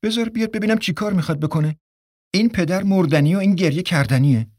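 Stubborn young wife read by a male narrator: raised pitch, insistent, dry audiobook read. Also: expressive, a little mellow, no room sound, natural voice. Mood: coaxing. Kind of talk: audiobook character reading.

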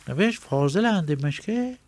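A man voicing a tough, threatening male ex-boxer enforcer in a low, gruff voice for an audiobook. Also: animated, a little mellow. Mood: menacing. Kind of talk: audiobook character voice.

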